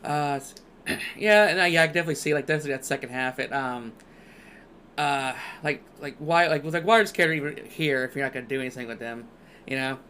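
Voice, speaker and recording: A man's voice: medium pitch, quick pace, bright, forceful tone, slight background noise. A man on a casual podcast, rambling with many fillers and restarts. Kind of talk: casual chat.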